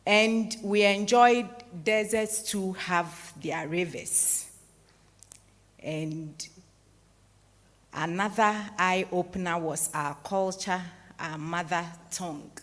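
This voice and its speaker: In a large hall, a Ghanaian woman in her forties moderates a public lecture, summing up the talk in a measured, formal way before opening the floor. Her voice sits fairly low, a bit bright, with fairly even intonation, and long reverb fills the echoey space.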